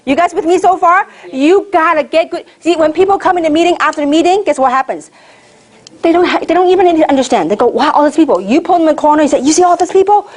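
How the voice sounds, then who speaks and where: Speaking fast in a very high voice, a Hong Kong woman who leads a network marketing team gives an energetic motivational training in front of an audience in a meeting room, peppering them with rhetorical questions.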